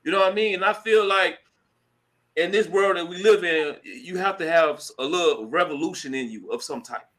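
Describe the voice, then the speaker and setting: A man hosting a casual live stream, talking in a slangy, chatty way and giving shout-outs. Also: high voice, a little fast. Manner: slangy and chatty, full of "you know what I'm saying" and shout-outs. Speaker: host of a crypto live stream. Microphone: computer mic at a laptop.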